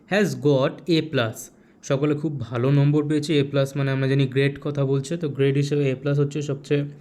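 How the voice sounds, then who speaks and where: A man with a West Bengal Bengali accent teaching a grammar lesson, asking rhetorical questions and repeating key terms slowly. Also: mid-range voice, darkish tone.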